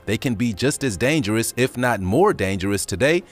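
A man reading a scripted countdown video narration in a lively storytelling manner. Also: mid-range voice, moderate pace.

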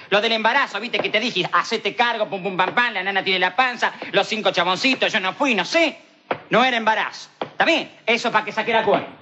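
On a dull, lo-fi 1990s TV tape with faint hiss, a man with a high, sharp voice performs an in-character comedy monologue. Speaking Rioplatense Spanish, he plays a swaggering street hustler who rambles in thick slang and keeps asking "all right?" to make sure he's been understood.

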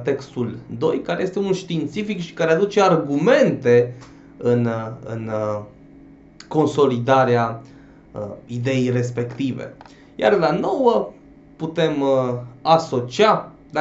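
A man's voice: mid-range voice, roomy sound, highs cut off. A male language teacher giving an exam-prep grammar lesson, explaining step by step and often checking in with a questioning "da?". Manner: addresses students warmly as "dragilor".

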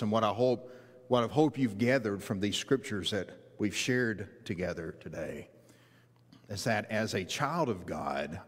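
Earnest preacher in a reverberant sanctuary. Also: male voice, on the low side. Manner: earnest, rising to emphatic rhetorical questions, walking the stage. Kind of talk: sermon. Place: large church sanctuary. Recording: long reverb of a church hall.

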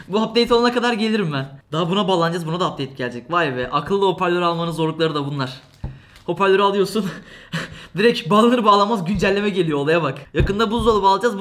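A man's voice: high voice, fairly bright tone. A man reviewing a gadget in a casual vlog at his desk, chatty and joking, laughing often and grumbling playfully. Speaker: tech reviewer.

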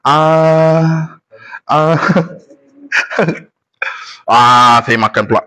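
A young Malaysian man hosts a casual live stream, chatting and teasing his viewers. His voice sits a little high for a man. He reads comments aloud with a Malaysian Malay accent. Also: drawn-out words, sharp tone, smooth.

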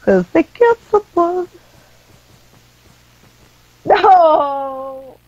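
A woman from England chatting casually while playing a game, excitable and quick to yelp in panic, on a slightly muffled headset mic. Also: very high-pitched, no echo. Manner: excitable, panicky yelps when in danger. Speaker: guest player. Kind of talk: casual gameplay chat.

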